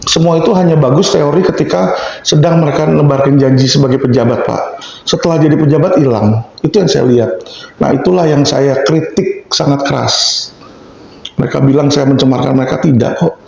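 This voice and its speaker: A middle-aged man argues with force and animation, jumping into the voices of the people he quotes. His voice sits a touch high and gravelly. The sound is dull and boomy, as if caught in a strongly echoing room. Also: fairly quick, warm tone. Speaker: advocate, interview guest. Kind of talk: impassioned interview talk.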